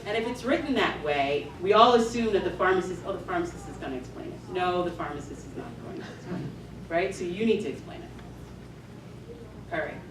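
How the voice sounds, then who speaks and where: A woman's voice: on the low side, animated, fairly quick. Woman lecturing in an echoey hall. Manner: emphatic, keeps asking "right?". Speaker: emergency medicine lecturer. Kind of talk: grand rounds lecture. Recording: echoey hall, mic far off, noisy.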